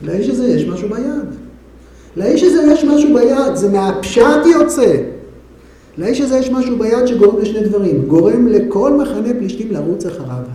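A man's voice: sits high, a little mellow, heavy reverb, slight background noise, low-quality recording. A man teaching a Bible class, building drama by firing off rhetorical questions to his listeners. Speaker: Torah teacher.

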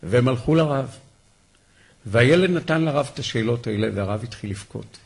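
A man giving a memorial talk, telling heartfelt, animated stories about his rabbi. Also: mid-range voice, husky.

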